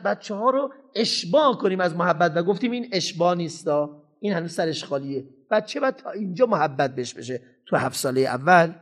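A man with a high voice delivers a parenting lecture. His pitch swings widely as he makes his points emphatically and acts out parents and children. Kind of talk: lively lecture to an audience.

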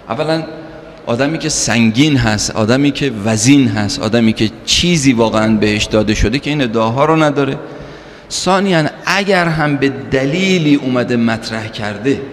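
Cleric in an echoey hall. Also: male voice, mid-range voice, a little hiss or hum. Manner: measured, emphatic, repeats key phrases. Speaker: cleric answering questions. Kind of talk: religious question-and-answer talk.

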